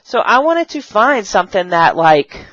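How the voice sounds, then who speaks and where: This English teacher, a young woman working online, rambles cheerfully through a casual vlog about her props, now and then breaking into playful kid voices. Her mid-range voice swings widely in pitch at a normal speed, with a fairly bright tone. Her home camera mic sounds dull and dry, with no room sound.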